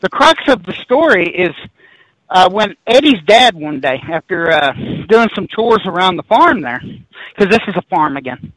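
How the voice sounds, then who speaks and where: A man telling a personal ghost story in a casual chat, rambling and animated, backtracking and laughing as he goes. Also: high-pitched, normal speed, no echo, low-quality recording.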